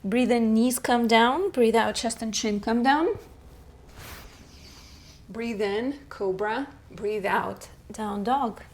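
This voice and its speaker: A young woman teaching a beginner yoga class, calmly cueing each breath and pose and encouraging the students between rounds. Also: fairly high pitch. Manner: slow, calm cueing of breath and poses. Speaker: yoga instructor. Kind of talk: guided yoga class instruction.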